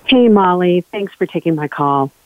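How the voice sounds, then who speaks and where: A woman's voice: fairly low pitch, animated, normal speed, no echo. A woman calling in to a radio show over a phone line, asking her question hesitantly with many ums and restarts. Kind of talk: casual call-in question. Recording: tinny dry phone line.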